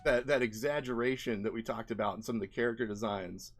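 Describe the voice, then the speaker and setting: Faint music plays under this man's creaky, medium-pitched voice as he talks fast with fairly even intonation. He's an indie game developer showing his experiments in offhand screen-share commentary, rambling and thinking aloud.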